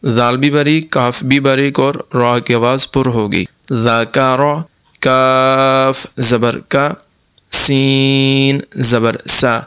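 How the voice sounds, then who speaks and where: A man teaching Quran reading, spelling out letters and vowel marks slowly and explaining how to pronounce them. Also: mid-range voice, fairly bright tone, smooth, no room sound. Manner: slow, deliberate drilling of letter sounds with explanations. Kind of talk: recitation lesson, spelling letters aloud.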